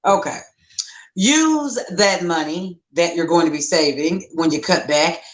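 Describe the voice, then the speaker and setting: A woman in her fifties, co-hosting a podcast in casual, folksy, self-deprecating chat with drawn-out phrasing. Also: on the low side. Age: 50s. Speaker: podcast co-host. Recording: roomy echo.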